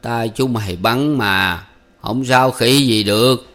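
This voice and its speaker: Male narrator playing a gruff gang boss, growling and menacing, audiobook. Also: medium pitch, steady tone, unhurried, lightly acted. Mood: weak, fading. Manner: gruff, growling, loud threats. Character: hot-tempered outlaw boss, gruff and menacing.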